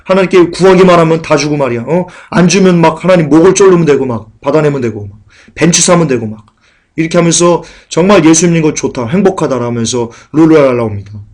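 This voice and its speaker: A man preaching a sermon in dramatic style, acting out mocking crowds and loud shouted warnings. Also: a little high, quick pace. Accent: Korean.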